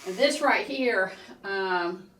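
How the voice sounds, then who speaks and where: A woman leading a museum tour as a guide, talking in a calm, reminiscing way. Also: medium pitch, slow. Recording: echoey room, distant mic, faint noise.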